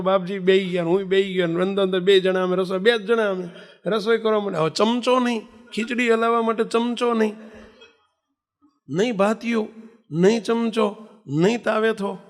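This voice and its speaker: Male swami, high voice; animated folksy sermon storyteller who acts out dialogue. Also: moderate pace. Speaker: swami giving a discourse.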